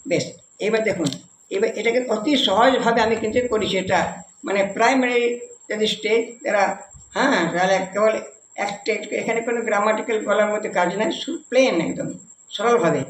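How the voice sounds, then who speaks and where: A man's voice: high-pitched, brisk, a bit bright, slight background noise. A man teaching a devotional music lesson, explaining patiently and repeating points simply for viewers. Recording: echoey room.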